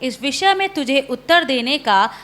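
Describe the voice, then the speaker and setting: A woman reading scripture aloud in a steady, measured way during a church service. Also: high voice. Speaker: scripture reader.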